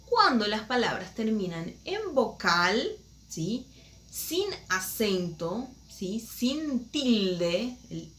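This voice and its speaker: A woman teaching a language lesson, speaking slowly and deliberately and checking in with "¿sí?" after each point. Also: on the high side, sharp tone. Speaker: Spanish teacher.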